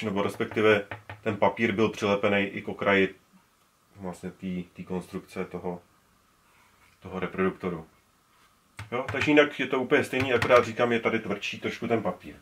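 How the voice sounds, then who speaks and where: A man's voice: fairly low pitch, a bit bright. A man in his forties casually showing his collection, rambling with many restarts as he handles the gear indoors. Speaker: speaker collector. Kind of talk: casual show-and-tell. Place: indoor room full of speakers.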